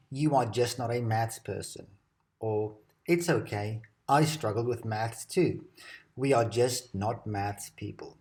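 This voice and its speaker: A man reading a scripted educational narration at a measured, steady pace. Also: mid-range voice. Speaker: presenter.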